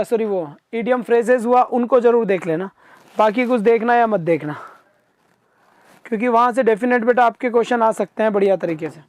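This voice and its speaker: Teaching a live online vocabulary class for exam prep, a man with a very high-pitched voice urges his students to answer fast. He reads out viewer comments and responds to them, and there's no room sound.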